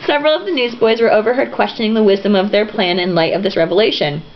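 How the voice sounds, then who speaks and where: Speaking quickly at medium pitch, a woman giggles her way through reading a novel, treating it with sarcasm, stumbling on sentences and adding casual asides. The sound is a dull, lo-fi home recording carrying some noise.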